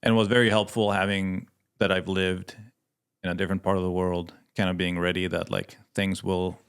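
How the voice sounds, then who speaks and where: A Swedish missionary pilot in his thirties, speaking with a Swedish accent, chats casually as an interview guest. His low-pitched voice is clean in tone and a little fast, and his relaxed talk is full of fillers like "like" and "you know."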